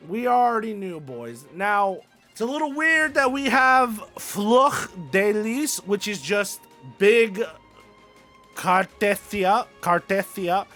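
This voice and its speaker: A man's voice: extremely high pitch, sing-song, slow pace, sharp tone, soft background music. A young man hosting casual gaming commentary, hyped and playful, full of slang and repeated phrases. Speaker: gaming YouTuber host.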